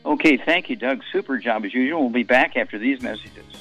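A man's voice: mid-range voice, brisk, fairly bright tone, dry recording. A man in his eighties hosting a call-in health radio show, giving rambling, folksy product advice. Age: 80s. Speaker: radio talk show host. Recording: dull lo-fi radio broadcast with faint music.

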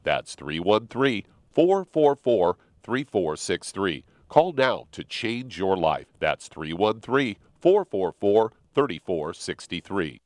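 Deep-ish guy doing radio station ads, really animated pitch, smooth pro read. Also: slow pace, hardly any pauses, dry recording. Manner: polished promotional delivery. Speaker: radio announcer. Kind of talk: scripted announcer read.

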